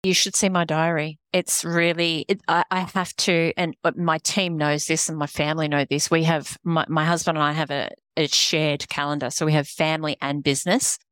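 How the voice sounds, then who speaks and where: A middle-aged Australian woman, an executive coach, is the guest in a casual interview and speaks earnestly. Her low-pitched voice is level, smooth and fairly bright, at a normal speed with few pauses, in a dry recording. She rambles and restarts her sentences often.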